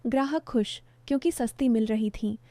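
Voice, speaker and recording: A woman telling a first-person story as scripted narration, in a steady, even storytelling delivery. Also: fairly high pitch, moderate pace, dry recording.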